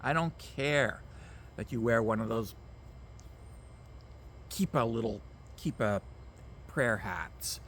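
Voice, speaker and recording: A man's voice: mid-range voice, expressive, slow, pauses often, fairly bright tone, slight background noise. A man, ranting emphatically to camera outdoors, repeating himself and swearing. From Canada. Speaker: vlogger. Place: outdoors among mosquitoes.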